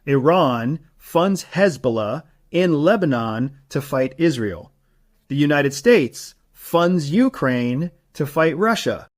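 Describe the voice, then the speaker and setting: A man's voice: fairly high pitch, animated, takes it slowly. A man commenting on politics who explains his point steadily, building it up in rhetorical lists. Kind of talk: explanatory analysis.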